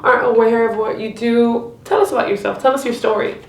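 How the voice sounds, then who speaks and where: A woman hosts a community interview show, greeting viewers and asking questions in an upbeat manner. Her voice sits a little high. The recording has a roomy echo. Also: fairly even intonation, a little fast. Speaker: host. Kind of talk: local interview show hosting. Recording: roomy echoey sound.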